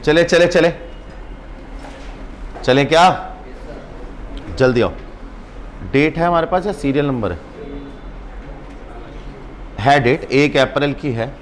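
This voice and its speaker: High-voiced brisk male accounts teacher. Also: a little hiss or hum. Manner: brisk, teasing, urges students on. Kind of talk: exam-prep class lecture.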